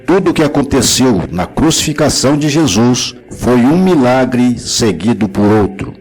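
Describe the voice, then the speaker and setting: A man giving a solemn, measured devotional narration with scripture readings. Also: mid-range voice, lively intonation, darkish tone, poor audio.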